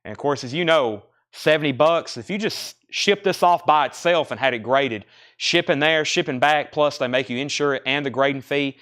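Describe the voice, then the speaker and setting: A man's voice: a little high, normal speed, fairly bright tone. A man hosting a live record sale like an auctioneer, calling out items, prices, bids and names in unscripted sales patter.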